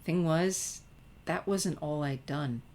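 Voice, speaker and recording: Reading a story slowly in a low, darkish voice, a woman plays a remorseful teenage girl admitting to earlier schemes. She sounds hesitant, thoughtful and full of regret.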